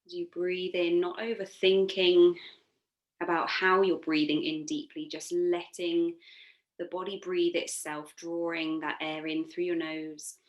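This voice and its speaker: The audio is poor as a yoga instructor, a woman with a fairly low voice, guides listeners through a relaxation meditation. She speaks in an unhurried, flat way that is still soothing, gently encouraging and unforced.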